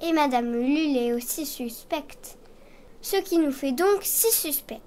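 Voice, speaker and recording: Curious young girl investigator, played by a woman, high and earnest, kids' audio tale. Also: lively intonation, a little slow, darkish tone. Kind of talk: children's audio story acting.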